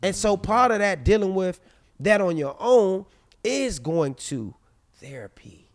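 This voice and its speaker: A man with a notably high speaking voice talks candidly on a casual podcast. He leans hard on his points and often circles back to say them again. His tone is easygoing and emphatic. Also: expressive, measured pace. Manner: candid, emphatic, repeats himself. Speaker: podcast co-host. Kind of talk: casual chat.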